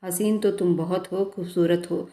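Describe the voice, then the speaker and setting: A woman voicing a cruel, possessive young man, a vengeful boss, in storybook narration with a flat, menacing delivery. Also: on the low side, moderate pace, natural voice. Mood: mocking. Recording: roomy echo.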